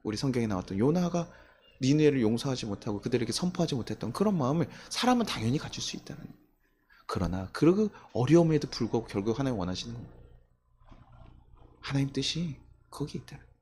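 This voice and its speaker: A man's voice: mid-range voice, fast talker. A male pastor preaching a Sunday sermon in a church, acting out the voices of people in his stories. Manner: animated, acts out quoted voices of people. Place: church sanctuary.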